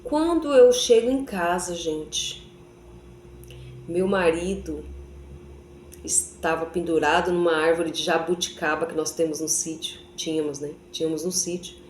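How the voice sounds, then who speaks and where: A woman's voice: on the low side, measured pace, darkish tone, slight background noise. A woman telling a personal faith testimony, chatty and often turning to her viewers with little tag questions. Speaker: vlogger giving a faith testimony. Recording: echoey room.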